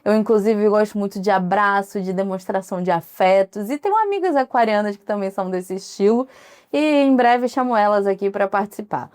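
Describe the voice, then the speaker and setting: A woman's voice: medium pitch, brisk, darkish tone. A Brazilian woman in her thirties hosting a casual solo podcast, chatty and digressive with frequent asides. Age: 30s. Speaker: podcast host.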